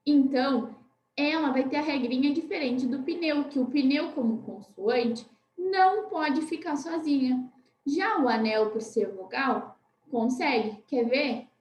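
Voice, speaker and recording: In a recorded online class for young children, a primary school teacher from Brazil speaks in a high, light voice and patiently spells each word out slowly. She often adds a gentle "né?" in her Brazilian Portuguese, while the echoing room carries a little hiss or hum.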